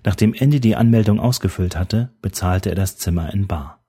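A man narrating an audiobook in a steady, even storytelling manner. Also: sits low, fairly quick, slightly rough.

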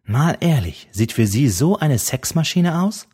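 A man's voice: fairly high pitch, very animated, unhurried, dark tone, husky, pitched above the performer's own voice, exaggerated voice. A man reading an audiobook who voices a cheeky, brash young woman with mocking sass. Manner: mocking, gum-chewing sass. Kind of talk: audiobook character voice.

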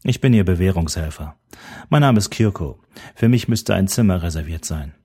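A man reading an audiobook who voices a weary older journalist, calm and dry in manner. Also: deep voice, moderate pace, breathy edge, exaggerated voice. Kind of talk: audiobook character voice.

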